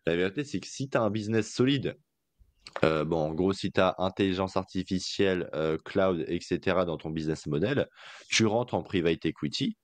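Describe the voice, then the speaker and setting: Low-voiced male podcast co-host, chatty and slangy, dry close sound. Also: animated, moderate pace, no echo. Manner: loose and colloquial, many fillers, jokey asides. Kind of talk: casual investing podcast chat.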